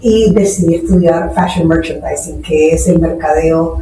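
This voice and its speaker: A woman's voice: deep voice, normal speed, mellow, a little hiss or hum. A woman in her forties from Nicaragua, telling her story earnestly in a podcast interview and mixing in English terms. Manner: earnest, anecdotal, code-switches English terms. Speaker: guest entrepreneur. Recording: echoey room, distant mic.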